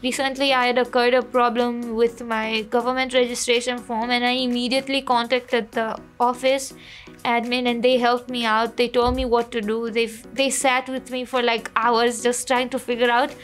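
Young Tanzanian-born woman, flat high voice. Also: moderate pace, soft background music. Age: young adult. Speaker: student. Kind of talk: testimonial interview. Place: indoor studio. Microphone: lapel.

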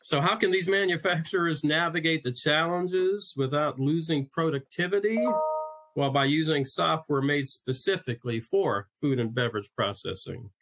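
Bright-voiced man hosting a webinar. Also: fairly high pitch, normal speed, slight background noise. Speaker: webinar host, magazine editor. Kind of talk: scripted webinar introduction.

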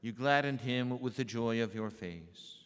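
A man leading a church service as priest, reciting prayers and readings in a measured, solemn way. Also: mid-range voice. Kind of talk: liturgical recitation. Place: large church. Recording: echoey church hall.

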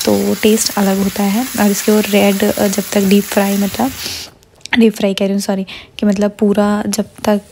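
A woman talking through a home cooking recipe step by step, speaking softly and slowly because a child is asleep beside her, with fillers and self-corrections. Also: mid-range voice, completely flat delivery, gravelly, a little hiss or hum. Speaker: vlogger. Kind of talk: cooking vlog narration.

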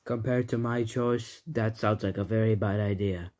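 A man's voice: on the low side, fairly even intonation, moderate pace, darkish tone, close to an everyday voice. A young man voicing a dim, eager robot henchman who rambles on in a homemade comedy skit. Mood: rambling.

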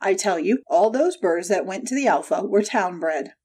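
A woman voicing a hot-tempered male poultry salesman, gruff and combative, in a dramatic audiobook. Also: medium pitch, animated, normal speed, darkish tone. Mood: irritable, combative. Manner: gruff, combative, snapping delivery.

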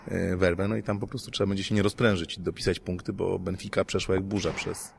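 A man appearing as a sports journalist guest, talking in a lively, wry way with small jokes. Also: low-pitched, fast, vocal fry, slight background noise. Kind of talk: casual sports podcast discussion.

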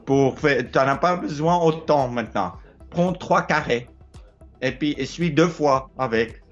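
A medium-pitched, middle-aged man from South Africa, with an Afrikaans accent, speaks hesitant second-language French while casually advising listeners about his life exploring, often repeating and searching for words. The recording is muffled, made on a close, low-held phone in a wood-ceilinged room with faint background music.

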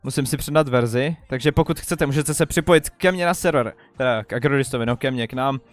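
A young man chatting casually on a live stream, excitable and stammering as he greets viewers. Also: medium pitch, faint music behind. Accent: Czech.

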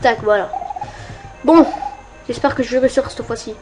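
A woman giving casual gameplay commentary, excitable and often yelling and cursing at enemies, with faint game music behind. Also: fairly high pitch, normal speed. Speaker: let's play gamer.

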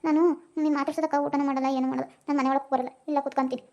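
A performer voicing an old village grandmother in a comedy cartoon, scolding fast and then pleading. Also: high voice, level tone, creaky, muffled recording. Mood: apologetic. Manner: scolding, rapid chatter.

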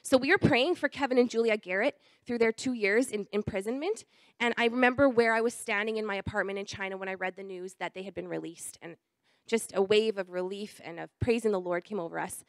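A young woman hoarse from a cold tells her missionary story to a church, chatty and full of fillers. Her voice has a gravelly edge. The sound is dry and close. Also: mid-range voice, a little fast, no room sound. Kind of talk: casual church testimony.

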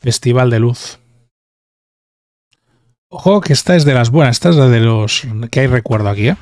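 A man's voice: mid-range voice, lively intonation, moderate pace, a little mellow, no echo, clean studio sound. A man from Spain giving casual, chatty let's play commentary, swearing and tossing in tag questions. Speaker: gaming youtuber.

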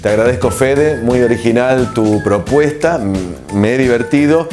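A man in his forties with an Argentine accent, answering interview questions in a relaxed, reflective way with frequent filler pauses, on a lapel mic in a small studio. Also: medium pitch, over music. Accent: Argentine Spanish. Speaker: TV host and producer, interview guest.

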